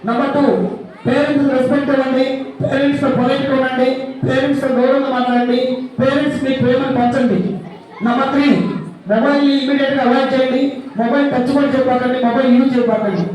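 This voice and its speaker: A man with a high, level voice and a gives pupils steady instructions and leads them in a pledge. He sounds far off in a very echoey space, with a crowd of children and noise behind him. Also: fast talker. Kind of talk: motivational address to pupils. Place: school gathering.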